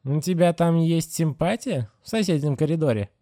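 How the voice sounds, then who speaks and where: A man voicing a sharp-tongued middle-aged female caretaker who scolds with open contempt. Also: a little high, normal speed, no room sound, studio quality, voice pushed up, lightly acted. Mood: scolding.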